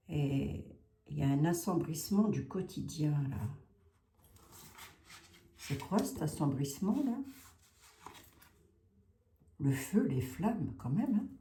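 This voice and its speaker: Her voice is deep and mellow, and the recording has a roomy sound. She's a psychic card reader with a Lorraine French accent, chatting through a casual tarot and oracle reading, wondering aloud with questions and hedging with "hein."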